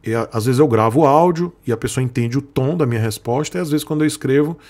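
This Brazilian motorcycle creator, who is sponsored, talks quickly in a medium-pitched, slightly mellow voice. He rambles casually and at length to viewers he calls "gente," repeating himself and circling back, with a Brazilian Portuguese accent.

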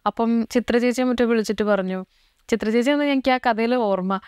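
A woman's voice: fairly high pitch, fairly quick, darkish tone, smooth, no room sound, studio quality. A woman with a Malayali accent interviewing a singer, asking questions and affirming attentively. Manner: attentive, affirming with short backchannels.

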